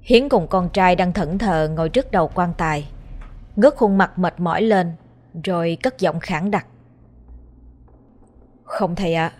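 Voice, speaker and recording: A woman narrating a scripted ghost story in a steady, measured way. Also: on the low side.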